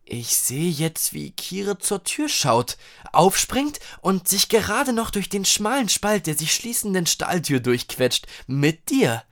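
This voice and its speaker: A man reading his part of a children's story with lively engagement. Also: high voice, takes it slowly. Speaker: co-narrator.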